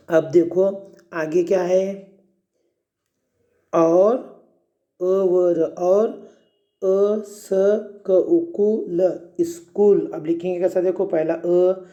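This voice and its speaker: A man teaches young children to read, patient and repetitive. He talks slowly and sounds out every word letter by letter. His voice is warm and mellow. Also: fairly high pitch. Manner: sounds out words letter by letter, asks and answers own questions. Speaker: primary school Urdu teacher. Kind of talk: reading lesson for young children.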